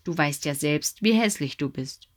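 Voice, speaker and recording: A woman's voice: low-pitched, expressive, normal speed. A woman voicing a strict, bossy female giraffe, scolding the other animals in a raised voice. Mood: stern.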